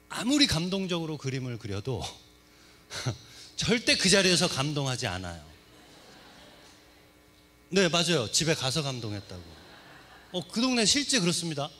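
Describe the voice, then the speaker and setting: Lively, high-voiced man joking with a congregation. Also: moderate pace, pauses often. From Seoul. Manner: lively, joking, asks the audience questions. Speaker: guest speaker at a church service. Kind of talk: humorous church talk to a congregation. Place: church sanctuary.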